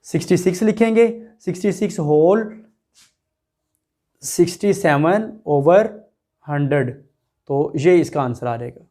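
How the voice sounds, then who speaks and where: A man's voice: fairly high pitch, expressive, measured pace, long pauses, mellow. Man teaching math step by step. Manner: step-by-step explaining with rhetorical questions; addresses students directly and repeats numbers. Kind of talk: classroom math lesson.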